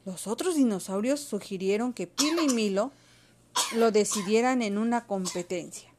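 A woman reading a children's storybook aloud to a child, expressive and patient. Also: mid-range voice, moderate pace, noisy background.

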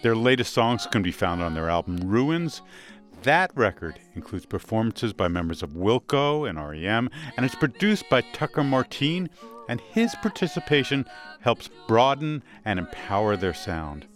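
A man's voice: mid-range voice, sing-song, normal speed. A man hosting a music podcast, introducing guests and asking curious questions in a radio studio. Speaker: podcast host.

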